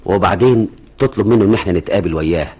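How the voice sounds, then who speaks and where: An actor with an Egyptian accent playing a cautious, questioning accomplice in a radio drama. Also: male voice, low voice, racing, a little mellow, husky, highs cut off. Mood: wary, plotting. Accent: Egyptian Arabic.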